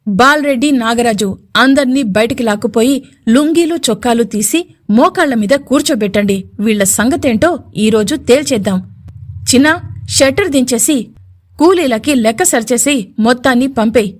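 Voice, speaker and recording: A woman's voice: a little high, lively intonation, normal speed. A woman voicing an angry, domineering young man who barks orders in an audio story. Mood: commanding. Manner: barking orders, harsh and commanding.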